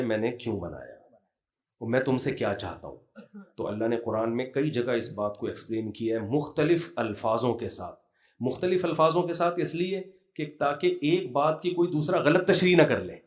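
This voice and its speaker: A middle-aged man giving a religious talk, telling funny stories in a chatty way. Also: mid-range voice. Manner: humorous storytelling, conversational. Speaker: Islamic preacher.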